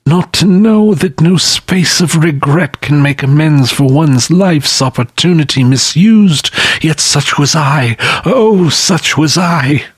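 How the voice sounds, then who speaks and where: A man's voice: on the high side, takes it slowly, husky, no echo, voice pushed up. A man voicing the anguished, chained ghost of an old businessman in a dramatic audiobook reading, wailing and declaiming. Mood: lamenting.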